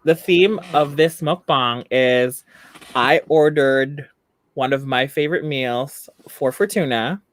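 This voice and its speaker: A man's voice: mid-range voice, takes it slowly. A young adult drag queen co-hosting a live chat show, chatty and gushing, laughing often.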